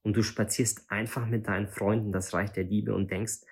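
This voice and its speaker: A man reading an audiobook voices a cold, menacing woman who leads a band of thieves, speaking with sharp contempt. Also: lowish voice, level tone, moderate pace, husky. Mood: cold scorn. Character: cold, menacing female thief leader.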